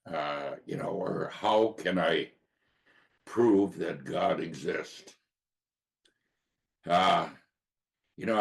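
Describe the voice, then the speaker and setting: A podcast host with a deep, hoarse voice and a sore throat shares a casual testimony of his faith. He speaks earnestly but haltingly, pausing often with fillers.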